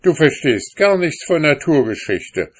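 A man's voice: medium pitch, very animated, a little slow, voice pushed up. A man reading aloud, voicing a stubborn, pompous, short-sighted husband who insists and grows heated. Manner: insistent, boastful, growing heated.

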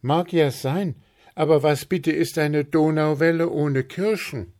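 A man's voice: a little high, steady tone, measured pace, darkish tone, pitched above the performer's own voice, lightly acted. A man doing a flustered grumbling gnome baker. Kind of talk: storybook reading.

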